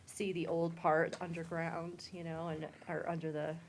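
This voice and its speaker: A woman's voice: low-pitched, monotone, normal speed, a little hiss or hum. A city councilwoman giving an upbeat, appreciative report at a council meeting, with occasional ums.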